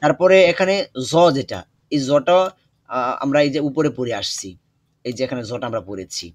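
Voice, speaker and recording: A young man teaching an online Quran recitation class, patient and repetitive, often pausing with hesitations. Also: medium pitch, sing-song. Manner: patient, repeats instructions, many hesitations.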